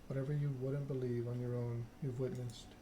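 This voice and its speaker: In ASMR style, a man softly narrates a story game, reading in a measured, deliberate way with a medium pitch and level tone. Noticeably noisy ambience sits in the background.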